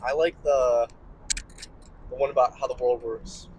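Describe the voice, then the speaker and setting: A man's voice: medium pitch, fairly even intonation, measured pace, darkish tone, a little hiss or hum, poor audio. A young man co-hosting a casual podcast chat in a car, laid-back and slangy, his voice a bit worn. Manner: laid-back, slangy, says bro a lot. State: voice slightly worn. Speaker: podcast co-host.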